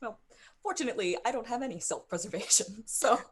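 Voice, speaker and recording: A woman's voice: on the high side, lively intonation, a little fast, background noise. A woman playing a tabletop game, talking casually, partly in character. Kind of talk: casual in-character role-play.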